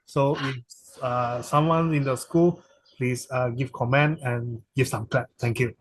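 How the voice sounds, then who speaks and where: A man from Malaysia, introducing himself to a class in halting speech with many pauses. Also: mid-range voice, steady tone, husky, rough recording. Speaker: class participant.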